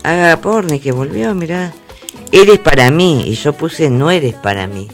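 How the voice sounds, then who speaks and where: Over faint background music, a radio talk show host with a voice on the high side speaks expressively. He spins the news in a chatty, playful segment, drawing out his stories and adding plenty of asides.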